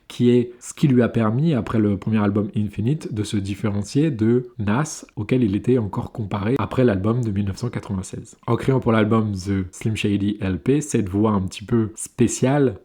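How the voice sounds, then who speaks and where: Low dark-voiced man explaining lyrics. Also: breathy edge. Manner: explanatory, reads English lines slowly then translates.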